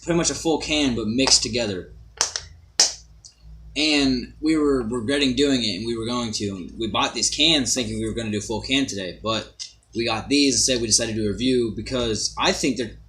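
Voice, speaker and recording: A man's voice: medium pitch, normal speed, sharp tone, slight background noise. A young man giving a casual, rambling amateur product review to camera, repeating himself and swearing mildly.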